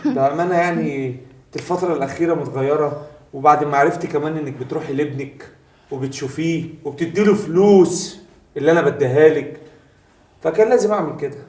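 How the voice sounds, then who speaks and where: A man plays a blunt Egyptian husband who defends taking a second wife. He talks very fast, his voice fairly high, and the room sounds echoey. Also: a little mellow, recorded from a distance, close to an everyday voice. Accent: Egyptian Arabic.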